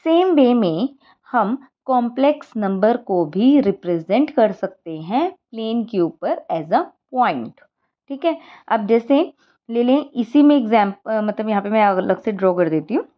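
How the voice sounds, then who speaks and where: A woman's voice: on the high side, lively intonation, measured pace, dull audio. A woman maths teacher, explaining a lesson step by step and often checking that students follow.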